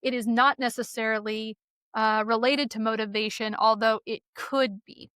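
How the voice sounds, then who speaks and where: A woman's voice: on the high side, steady tone, normal speed, a bit bright, clear, resonant tone, no echo, clean studio sound. A woman hosting a podcast interview, framing her question thoughtfully with a few fillers. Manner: thinks aloud with fillers while framing a question. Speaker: podcast host. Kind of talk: conversational interview.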